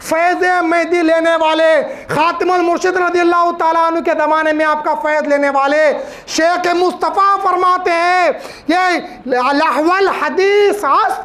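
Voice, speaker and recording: A man delivers a religious lecture in a very high, bright, forceful voice. He hammers his points home by repeating phrases and firing off rhetorical questions. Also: flat delivery, normal speed, hardly any pauses. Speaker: religious speaker.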